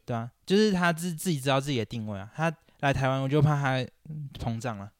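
Fast-talking animated man. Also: mid-range voice, dry recording, studio quality. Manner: animated complaining, acts out quotes loudly. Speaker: podcast co-host. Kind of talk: casual chat about basketball.

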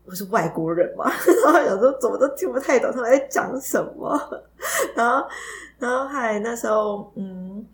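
A woman's voice: a little high, very animated, normal speed, a little hiss or hum. A woman co-hosting a podcast, telling a story in casual chat, giggling and stumbling over repeated words. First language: not Taiwanese Hokkien. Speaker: podcast co-host.

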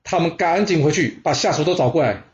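A man's voice: fairly high pitch, lively intonation, fast talker, dull audio. A man telling a historical war story dramatically, with exclamations and rhetorical questions.

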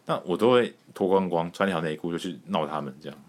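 Man, Taiwanese Mandarin accent, low voice, very lively pitch, casual crude podcast chat, frequent laughs, stammered restarts. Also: quick pace. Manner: joking and crude, laughing often, stumbling restarts. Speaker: podcast host.

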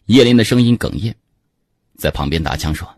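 A man narrating a dramatic story in scripted, expressive storytelling. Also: fairly low pitch, a little fast, husky, no room sound.

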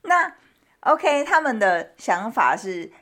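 A woman's voice: fairly high pitch, big pitch swings, slow, sharp tone. A woman hosting a show in a casual, conversational style. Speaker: host. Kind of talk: casual chat.

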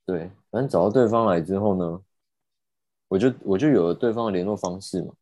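A young man, telling a story in casual podcast chat, animated and indignant, with casual swearing. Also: sits low, brisk, no echo. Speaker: podcast host.

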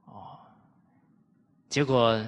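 A man lecturing on the classics, telling historical anecdotes in an animated way and putting rhetorical questions to his listeners. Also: mid-range voice, very slow. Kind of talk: storytelling lecture. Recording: reverberant hall.

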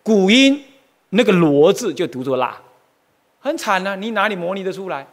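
Lively, high-voiced monk lecturing. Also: male voice, normal speed. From Taiwan. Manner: animated, asks the audience questions, exclaims often. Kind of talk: Buddhist history lecture.

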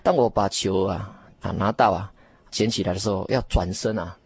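A young man, a theology student, telling his testimony emphatically in a radio interview, with many drawn-out fillers. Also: fairly low pitch, darkish tone, breathy edge, dry recording. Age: young adult.

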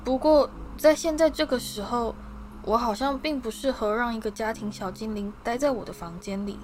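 A woman's voice: fairly high pitch, moderate pace, slight background noise, natural voice. A woman voicing a polite, nervous young boy wizard who speaks in a hesitant, careful way.

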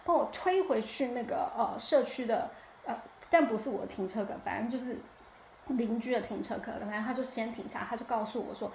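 A young woman with a Taiwanese Mandarin accent, hosting a podcast and telling a story in a lively, chatty way that keeps pulling the listener in. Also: on the high side, brisk, slight background noise. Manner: animated, keeps asking the listener 你知道吗. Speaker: podcast host. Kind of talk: casual storytelling monologue. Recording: echoey room with faint ambience.

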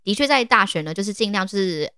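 A woman's voice: medium pitch, fast, smooth, dry recording, studio quality. A woman in her twenties with a Taiwanese Mandarin accent, co-hosting a casual podcast and telling stories with lots of laughter. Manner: animated storyteller, laughs often. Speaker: podcast co-host.

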